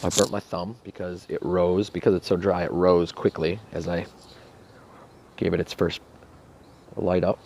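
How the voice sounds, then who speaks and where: A man with a gravelly voice giving a casual, unscripted product review, thinking aloud in a halting, laid-back way. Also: deep voice, flat delivery, a little mellow. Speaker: pipe tobacco reviewer. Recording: faint background noise.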